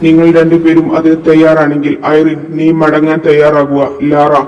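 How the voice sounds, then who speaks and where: A man's voice: fairly high pitch, monotone, moderate pace, muffled recording, close to an everyday voice. A man voicing a solemn, commanding male lord who speaks formally, like pronouncing a judgment. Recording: echoey room with long reverb, from far off, music behind.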